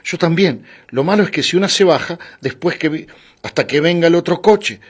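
A man reading a timid, nervous young woman on a bus, speaking softly and hesitantly. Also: a little high, lively intonation, a little fast, pitched above the performer's own voice. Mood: timid, uneasy. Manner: soft, hesitant, apologetic.

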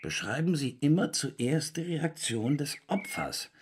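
Grumpy, theatrical crime writer, slow and swooping. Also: male voice, fairly high pitch, lively intonation, a little hiss or hum. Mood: absorbed, irritable. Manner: theatrical, halting, muttering self-corrections. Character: grumpy, self-absorbed male crime writer dictating his murder. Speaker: radio drama actor. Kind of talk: radio play acting.

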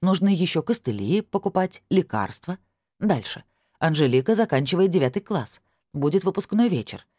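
A sharp-tongued, indignant woman, voiced by the woman reading the book scolds and bargains in a raised, animated voice. The sound is close and dry, as in a studio audiobook. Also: lowish voice, no echo, voice pushed up. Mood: businesslike. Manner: scolding, rapid listing of demands.

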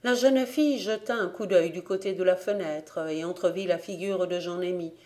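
A woman narrating an audiobook of a classic novel as a volunteer reader, reading in a steady, measured literary way. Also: fairly low pitch.

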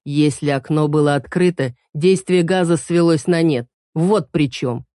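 A woman's voice: low voice, measured pace, dark tone, no echo, studio quality. A woman voicing a cold, cynical male conspirator who talks sternly and sarcastically. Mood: sarcastic.

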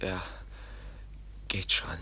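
Very slowly and in a full character voice with a sharp tone, a male actor performs Kaspar, the stabbed young man of a radio play. Weak and halting, he whispers breathily in broken, clipped sentences, and the mood is weak and faltering.

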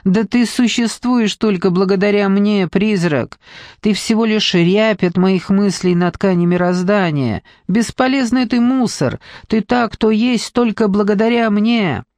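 A man's voice: sits high, a little slow, a little mellow, no room sound, studio quality. A man reading an audiobook, voicing a spiteful young female nymph sorceress with hissing, sneering taunts. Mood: venomous.

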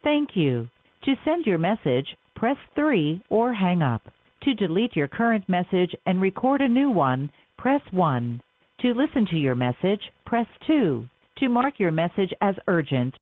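A woman's recorded voice giving answering machine message prompts over a phone line, in even, measured instructions. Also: mid-range voice, dry recording. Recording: tinny dry phone line.

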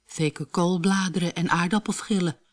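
A woman voicing a timid, gloomy young rabbit who speaks quietly, half in a whisper. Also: fairly low pitch, fairly even intonation, normal speed, lightly acted.

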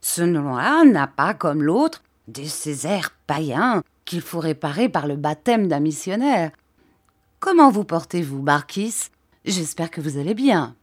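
A woman's voice: low-pitched, big pitch swings, measured pace, heavily acted. A woman reading an audiobook voices a brusque, commanding elderly aunt in clipped, imperious tones.

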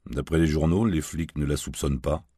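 A man voicing a terse, gruff middle-aged private detective who answers in short, flat replies. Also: extremely low pitch, a little fast, dry recording, studio quality. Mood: curt. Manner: curt, flat, clipped replies.

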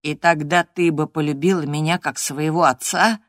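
A woman's voice: low voice, steady tone, moderate pace, no echo, clean studio sound, natural voice. A woman reading an audiobook voices a sickly, spiteful teenage boy who whines and taunts. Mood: hopeful. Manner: whiny and taunting.

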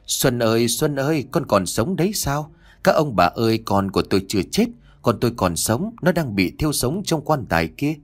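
A man's voice: fairly low pitch, animated, moderate pace, hardly any pauses. A man voicing a grief-stricken old father who pleads and wails in a frantic voice for a horror audio story. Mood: frantic wailing. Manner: wailing, begging.

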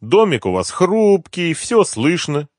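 A cruel male gang boss mocks and threatens his captive, as a man voices him. The voice sits high and loud, swinging widely in tone. The audiobook sound is dry and close. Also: sing-song, takes it slowly, no room sound. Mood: threatening. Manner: sneering, bullying interrogation.

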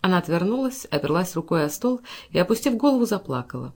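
A woman's voice: on the low side, sing-song, fast talker. Woman narrating a classic novel. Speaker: audiobook narrator. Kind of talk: literary audiobook narration.

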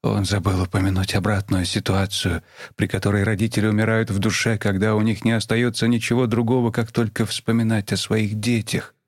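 A man reading a novel aloud as the narrator, at a measured, even pace and close to the microphone. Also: lowish voice, dry recording. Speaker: audiobook narrator. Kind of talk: scripted narration.

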